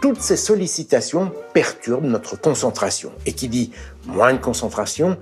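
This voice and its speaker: Lively male narrator over faint music. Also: medium pitch, moderate pace. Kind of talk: scripted explanatory narration.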